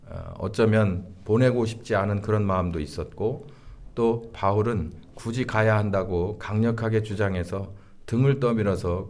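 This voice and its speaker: A middle-aged man preaches as a pastor, his voice sitting a little low. He speaks in slow, deliberate phrases and fills the pauses with small filler sounds. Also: a little mellow. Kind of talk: sermon.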